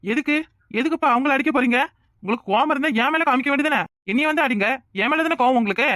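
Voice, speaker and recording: A man's voice: very high voice, very fast, sharp tone, dry recording, clean studio sound. A man voicing a touchy, defiant idle young village man in a cartoon, speaking in a Kanyakumari Tamil accent. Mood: indignant. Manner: defiant, indignant.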